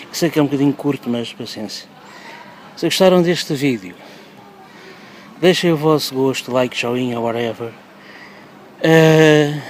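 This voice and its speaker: A man's voice: medium pitch, rough recording. Chatty portuguese guy in his 30s, phone at arm's length outside, mid voice, faint street noise. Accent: European Portuguese. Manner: upbeat, chatty. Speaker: vlogger. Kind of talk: casual vlog. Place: outdoors on a street.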